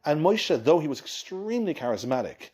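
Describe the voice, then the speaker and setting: A man, a rabbi, retelling a Torah story in an animated way, often restarting and correcting himself mid-sentence. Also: fairly high pitch, a little fast, husky.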